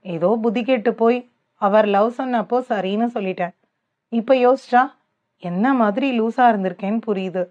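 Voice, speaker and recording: A woman voicing an earnest young woman who is quick to tears, in pleading, defensive everyday speech from an audiobook. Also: a little high, darkish tone, highs cut off, lightly acted.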